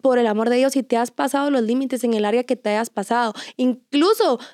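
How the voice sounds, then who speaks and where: A woman talks in a high, bright register. She speaks earnestly about faith and often doubles back on phrases for emphasis. The recording is dry and close to the mic. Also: brisk, no echo. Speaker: mother.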